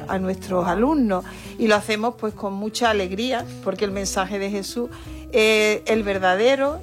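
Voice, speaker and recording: A woman who teaches evangelical religion, a guest on a talk show, explaining her work earnestly and at length. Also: medium pitch. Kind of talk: radio talk show conversation.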